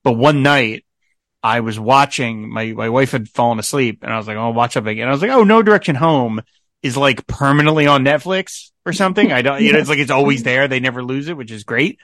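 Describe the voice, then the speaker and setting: A man hosting a podcast, chatting casually and telling rambling, animated stories with lots of fillers. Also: medium pitch, fast talker, no echo, studio quality. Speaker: podcast host. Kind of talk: casual chat.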